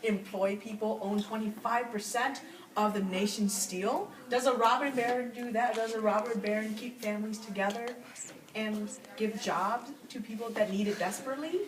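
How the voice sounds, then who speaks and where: A woman's voice: fairly high pitch, fairly even intonation, moderate pace, close to an everyday voice. A woman playing a boastful, defensive male steel tycoon in an amateur interview skit, answering with defiant rhetorical questions. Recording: echoey distant room recording with crowd chatter.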